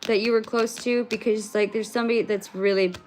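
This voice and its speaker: A woman's voice: on the high side, fairly even intonation, fairly quick, darkish tone. A woman giving a livestreamed spiritual card reading in a rambling, casual way, swearing freely. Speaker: spiritual reader.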